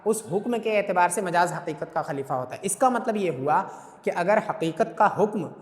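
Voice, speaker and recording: A man's voice: high voice, lively intonation. Man teaching in an echoey hall. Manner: explains step by step, often checking "right?"; reads Arabic text then translates and explains it. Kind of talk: lecture explaining a classical text.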